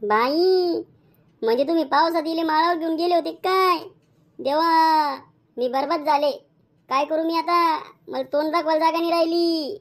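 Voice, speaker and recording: A loud, indignant village wife from a cartoon comedy, voiced by a man, scolding in a shrill Khandeshi Marathi accent. Her voice sits very high and sharp, and every line comes out as a complaint. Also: moderate pace, a little hiss or hum. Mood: wailing. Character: bossy village wife, second spouse returned.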